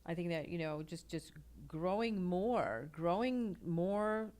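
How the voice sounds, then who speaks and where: Low-voiced woman, hesitant and halting. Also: darkish tone. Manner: hesitant, many fillers and restarts. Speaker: podcast guest. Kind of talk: casual conversation.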